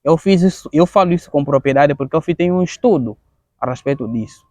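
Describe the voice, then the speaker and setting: A man in his thirties with an Angolan Portuguese accent. He gives an earnest interview testimony, gravelly and halting, often repeating words as he searches for the next one. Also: on the high side, animated, mellow, dry recording. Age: 30s. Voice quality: gravelly, halting with frequent word repetitions.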